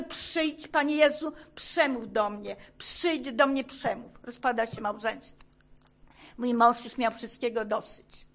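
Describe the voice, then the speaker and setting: A woman's voice: on the high side, fairly bright tone. A middle-aged woman giving a fervent, emotional religious testimony to a congregation, repeating urgent phrases for emphasis. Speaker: testimony speaker.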